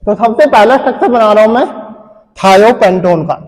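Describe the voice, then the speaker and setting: A man's voice: high voice, normal speed, darkish tone, big-room sound, poor audio. A man teaching pharmacy in a lecture, repeatedly asking questions and answering them himself while drawing on a board. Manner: repetitive quizzing, asks then answers himself. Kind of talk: classroom lecture.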